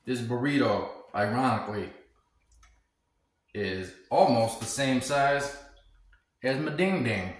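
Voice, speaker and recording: A man's voice: medium pitch, slow pace, pauses often. A man in his forties hosting a casual cooking vlog, talking to himself in a wry, crude way as he cooks in his home kitchen. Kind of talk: casual joking cooking commentary. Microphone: camera across the room. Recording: echoey kitchen with background noise.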